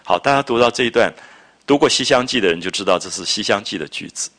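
A man lecturing on a classic novel, retelling scenes and explaining old phrases in a chatty, lively way. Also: on the low side, quick pace. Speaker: literature lecturer. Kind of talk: storytelling literature lecture.

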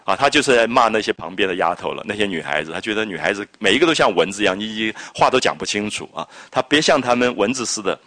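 A man giving an animated classroom lecture on a classic novel, explaining and reading out quoted dialogue. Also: on the low side, quick pace, few pauses, no room sound. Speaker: literature lecturer.

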